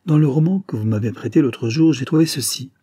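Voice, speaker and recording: A man's voice: medium pitch, fairly quick, warm tone, breathy edge, dry recording, clean studio sound, voice pushed up, lightly acted. A man voicing a cunning middle-aged widow who speaks in a coaxing, insinuating way in an audiobook.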